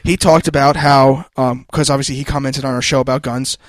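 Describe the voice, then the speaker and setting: A man's voice: mid-range voice, steady tone, fairly quick, dry recording. A man co-hosting a casual podcast chat, earnest and rambling, often restarting sentences. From New Jersey. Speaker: podcast co-host.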